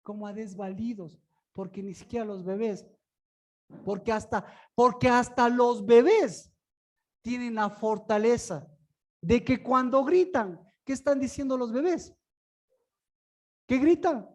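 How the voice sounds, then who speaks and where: High-voiced man preaching with rhetorical questions. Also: a little slow, pauses often, a little mellow. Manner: asks the room many rhetorical questions; repeats and restarts words often. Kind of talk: sermon-style Bible teaching.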